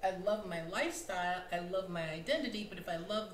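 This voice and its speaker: A woman's voice: fairly low pitch, quick pace. A woman, the playwright, speaking at a post-show panel on a theater stage in a thoughtful, emphatic way, often asking "right?". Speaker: playwright and producer. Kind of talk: panel discussion. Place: small theater stage, indoors. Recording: roomy hall, faint noise.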